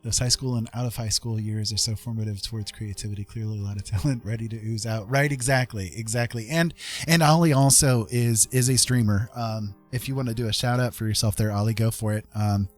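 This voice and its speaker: A middle-aged man with a lowish voice hosts a livestream, chatting casually in a rambling, emphatic way and often repeating his phrases.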